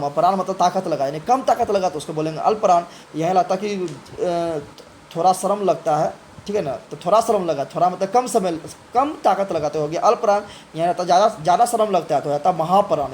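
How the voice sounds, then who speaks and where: A man works through exam questions, his voice sitting a little high. He poses each question and answers it himself, repeating words as he goes. Faint background noise runs under the recording. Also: a little mellow. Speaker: teacher. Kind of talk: grammar lesson for exam revision.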